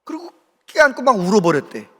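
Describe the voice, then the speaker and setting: A man's voice: high-pitched, sing-song, fairly quick, a bit bright. A middle-aged man preaching a sermon as pastor, telling a story and acting out the voices of the people in it. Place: church sanctuary. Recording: long hall reverb from the church. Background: hall reverb.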